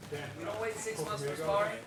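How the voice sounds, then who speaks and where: A jiu-jitsu coach, a man, yelling stern instructions at his students across the mat, away from the mic. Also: sits high, normal speed, heavy background noise. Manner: stern, scolding. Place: martial arts gym. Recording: echoey gym, far from mic, loud crowd.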